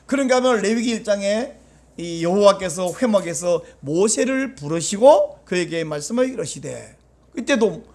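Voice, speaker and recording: A man with a high voice preaching a sermon as pastor. He explains scripture patiently and then rises to emphatic, urging lines. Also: normal speed. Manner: explains Hebrew words and reads scripture aloud, then urges the congregation; switches between calm teaching and raised, emphatic lines.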